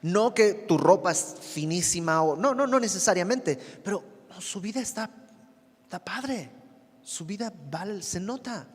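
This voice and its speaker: A man's voice: high voice, expressive, normal speed, slightly rough. Mexican man teaching Bible, reverberant. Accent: Mexican Spanish. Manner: conversational, asks the listener questions. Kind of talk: verse-by-verse Bible study.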